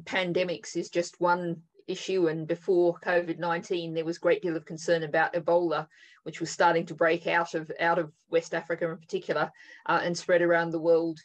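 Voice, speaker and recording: A woman with a fairly low voice hosts a webinar panel over a video call. She introduces speakers and poses questions in a thoughtful, halting way, often pausing on "um" as she gathers her thoughts. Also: poor audio. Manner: thoughtful, halting, with frequent "um" fillers. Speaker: webinar moderator. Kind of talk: moderating an online panel.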